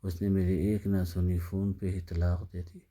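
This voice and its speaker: A man's voice: low-pitched, level tone, warm tone. A man reading the lines of a weary, hopeful young woman in a sad story, in his own narrating voice. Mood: grieving.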